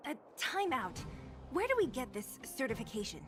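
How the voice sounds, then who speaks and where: A woman voicing a calm, curious young traveler in a game, quiet and wondering. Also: high voice, normal speed. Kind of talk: game voice acting. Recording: game audio with music.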